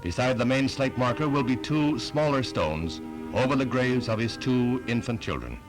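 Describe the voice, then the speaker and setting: A man's voice: mid-range voice, expressive, moderate pace, over music, rough recording. Solemn man narrating a 1960s newsreel. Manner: solemn, stately delivery.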